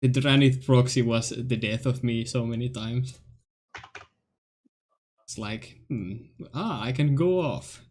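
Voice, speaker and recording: A man hosts a card game stream over a voice call, unhurried and easygoing. His delivery is slow and jokey, broken by frequent laughter. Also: medium pitch, a little mellow. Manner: chatty, jokey, laughs often. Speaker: stream host. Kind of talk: casual gaming chat.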